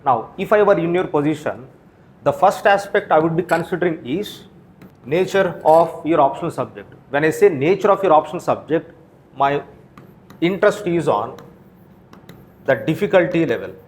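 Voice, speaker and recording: With a slightly high, animated voice at a normal pace, a coaching teacher with an Indian accent works through questions for exam students and answers them himself. He leans heavily on tag questions such as "right?" and "okay?".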